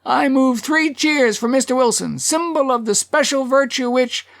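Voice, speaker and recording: A man's voice: extremely high pitch, moderate pace, vocal fry, fairly bright tone, no room sound, studio quality, pitched above the performer's own voice, full character voice. A man voicing an eager male townsman who rallies a rowdy meeting in a storybook reading. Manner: eager, rallying.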